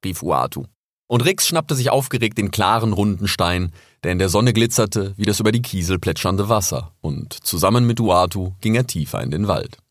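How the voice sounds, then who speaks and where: A man with a low voice narrates an animal adventure. His delivery is animated and expressive, with lively pitch swings. The sound is close and dry. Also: moderate pace, no room sound. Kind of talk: audiobook story narration.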